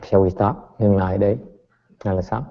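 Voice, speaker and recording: A man's voice: lowish voice, steady tone, moderate pace, gravelly. Man, buddhist teacher, playful dharma talk, long hall reverb, dull muffled sound. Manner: playful, mixes English and Vietnamese, acts out quotes.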